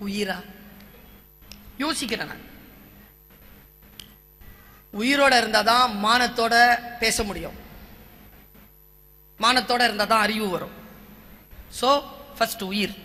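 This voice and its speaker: A woman's voice: mid-range voice, pushed and bright, slight background noise. A woman in her forties, a teacher and guest speaker, giving an emphatic church talk and listing points in short, punchy phrases. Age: 40s. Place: large church hall. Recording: long church-hall reverb.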